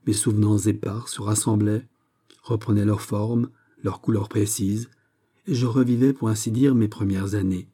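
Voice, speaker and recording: Man, storybook narration, very dark mellow tone, lowish voice, measured reading. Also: fairly even intonation, husky. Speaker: audiobook reader. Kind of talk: literary narration.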